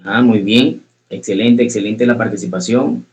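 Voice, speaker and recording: A man's voice: on the low side, steady tone, normal speed, rough recording. A man teaching a public speaking class, earnest, repeating key phrases for emphasis and asking students questions directly. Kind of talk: online class lecture.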